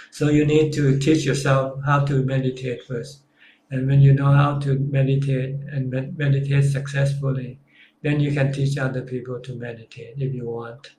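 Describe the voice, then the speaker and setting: Calm monk, flat steady delivery. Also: male voice, medium pitch, measured pace, long pauses. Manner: calm, simple, plain-spoken answers. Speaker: Buddhist monk teacher. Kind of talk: live question-and-answer teaching. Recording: echoey room.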